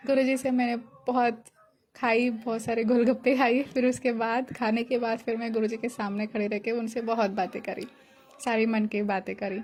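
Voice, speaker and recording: A woman's voice: on the high side, little pitch movement, moderate pace, darkish tone. Giggly young woman sharing a devotional story. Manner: chatty, giggly, grateful. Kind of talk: casual spoken testimony.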